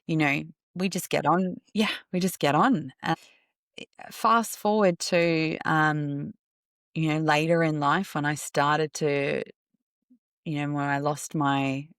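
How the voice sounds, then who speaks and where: A woman hosting a podcast, telling a personal story in a candid, reflective way and often pausing to search for words. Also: sits low, fairly even intonation, clear, resonant tone, dry recording, studio quality. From Australia. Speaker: podcast host.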